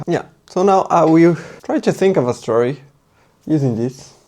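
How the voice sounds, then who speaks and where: The voice here is on the high side, warm, with lively intonation at a normal speed: a Portuguese-native language teacher running an informal tutorial. Chatty and loose, he thinks aloud, mumbles as he writes, and frequently checks in with "right?".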